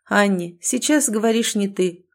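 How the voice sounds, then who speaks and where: A woman voicing a calm, protective male alpha werewolf in an audiobook, speaking quietly and evenly. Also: mid-range voice, unhurried, vocal fry. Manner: quiet, even and soothing.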